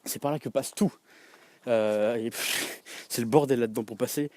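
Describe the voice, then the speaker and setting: A man's voice: mid-range voice, normal speed, darkish tone, no room sound. A young man from France chatting casually to camera, rambling with many fillers and restarts, laughing often and addressing the viewer directly. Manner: laughs often while talking. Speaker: vlogger.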